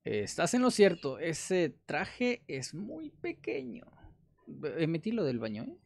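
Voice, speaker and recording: A man's voice: a little high, huge pitch swings, unhurried, vocal fry, darkish tone, dry recording. Chatty man translating a story. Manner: chatty, jokey asides, frequent fillers. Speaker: host translating a language-app story. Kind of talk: casual commentary while translating.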